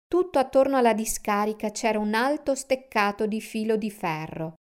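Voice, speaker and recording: A woman narrating a children's storybook aloud in a calm, measured way. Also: on the high side, smooth.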